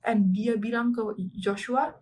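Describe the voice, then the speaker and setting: An earnest woman preaches to a church, her voice sitting a little on the high side. She moves between two languages mid-thought and punctuates each point with a short affirming "ya". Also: steady tone, unhurried, a little mellow, breathy edge, poor audio. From Indonesia. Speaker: church speaker. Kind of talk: bilingual sermon sharing.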